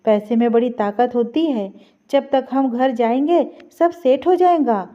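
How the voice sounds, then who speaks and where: Woman doing brash young guy, reassuring, high voice, lo-fi sound. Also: a little slow, dark tone, lightly acted. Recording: dull lo-fi recording.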